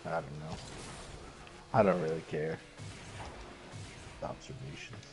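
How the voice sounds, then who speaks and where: A man with a fairly low voice chats casually over a video game. He rambles from thought to thought and leans heavily on "like" as he talks. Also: a little slow, music in the background. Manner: rambling, heavy use of "like" fillers. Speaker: gaming video co-host. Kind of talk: casual chat while playing.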